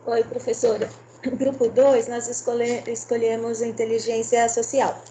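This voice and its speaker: A woman's voice: on the high side, flat delivery, normal speed, mellow, a little hiss or hum, low-quality recording. A woman student with a Brazilian Portuguese accent presenting for her group in an online class.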